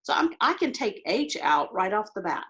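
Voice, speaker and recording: A woman teacher talking quickly and thinking aloud as she walks through test questions on a video call. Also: mid-range voice, very animated, fairly bright tone, dull audio. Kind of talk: recorded online lesson.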